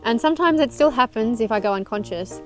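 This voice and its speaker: A woman's voice: fairly high pitch, lively intonation, fast, faint music behind. A woman hosting a self-help video, speaking to camera in an earnest, encouraging and conversational way. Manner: earnest, encouraging, conversational, with frequent soft laughs. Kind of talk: direct-to-camera motivational talk.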